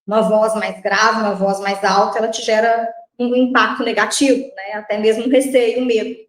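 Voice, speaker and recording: A woman's voice: on the high side, little pitch movement, reverberant, rough recording. A woman from Brazil, a corporate trainer, explaining her ideas in list-like phrases often closed with "né". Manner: measured, list-like explanations, frequent "né". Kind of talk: interview answers.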